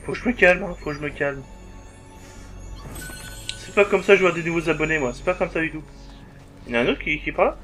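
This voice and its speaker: A man's voice: fairly high pitch, quick pace, pauses often, a bit bright, soft background music. A man with a swearing, joking manner, giving a let's play commentary and talking back to the game. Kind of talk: gameplay commentary.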